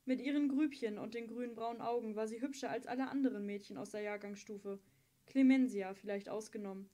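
Woman narrator for an audiobook; higher, mellow voice, steady and measured. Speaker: audiobook reader.

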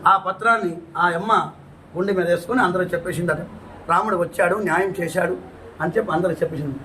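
A man, a priest, telling a religious story lively, with rhetorical questions and long lists. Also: high-pitched, fast, slight background noise, low-quality recording. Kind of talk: storytelling talk.

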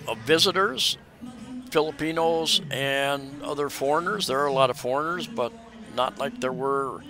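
A man's voice: mid-range voice, moderate pace, over music. A man narrating a casual walking tour outdoors, rambling with many hesitations and restarts, recorded on a camera mic as he walks. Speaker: travel vlogger. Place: outdoors on a crowded city street during a festival. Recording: loud street crowd around.

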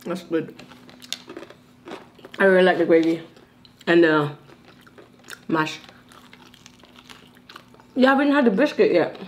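A woman's voice: on the low side, lively intonation, slow pace, long pauses, a little mellow. A woman from the Philippines co-hosting a food vlog, chatting casually and asking viewers to comment. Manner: easygoing, prompts viewers and partner. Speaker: food vlogger. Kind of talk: casual food-tasting chat.

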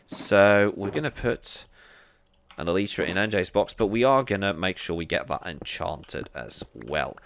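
A man's voice: low-pitched, lively intonation, measured pace, creaky, fairly bright tone, no echo. A man hosting a gameplay video, chatting playfully and thinking aloud as he plays. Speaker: let's play host.

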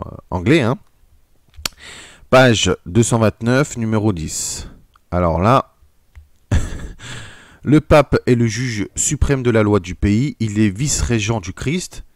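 A man's voice: fairly low pitch, darkish tone, no room sound, studio quality. A man preaching in an audio sermon, reading quotes aloud and reacting with indignant exclamations. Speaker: religious video preacher.

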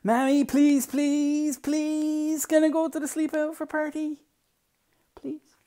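A man voicing an excited, tearful small boy in a high squeaky voice. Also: fast, creaky, exaggerated voice. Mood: pleading.

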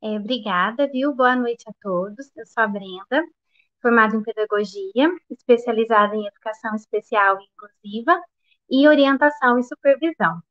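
A woman's voice: a little high, normal speed, a bit bright, highs cut off. A woman teacher with a Minas Gerais Brazilian accent sharing her experience in a casual, filler-heavy way. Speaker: primary school teacher. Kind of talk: sharing a practice at an online meeting.

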